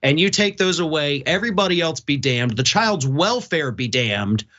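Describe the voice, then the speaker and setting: A man's voice: a little high, lively intonation, normal speed, bright, forceful tone, muffled recording. A middle-aged man co-hosting, giving opinionated, emphatic and disapproving conversational commentary. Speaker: co-host.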